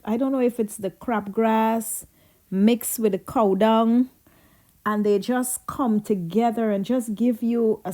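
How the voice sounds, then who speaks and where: Guyanese woman reminiscing, mellow voice. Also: medium pitch. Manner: chatty, reminiscing, slips into Creole. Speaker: vlogger. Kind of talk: casual storytelling.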